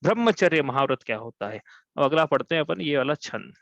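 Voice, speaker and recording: A man's voice: a little high, animated, vocal fry, a bit bright, no echo. Hindi-speaking man teaching scripture, dry lo-fi sound. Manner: explains step by step, asks and answers own questions; chants verses slowly. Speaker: religious teacher. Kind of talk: scripture class explanation.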